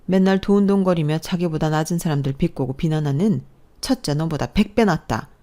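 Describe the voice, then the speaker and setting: A woman's voice: low voice, fairly quick, warm tone, lightly acted. A woman voicing a stern older mother-in-law who scolds her rude daughter-in-law firmly.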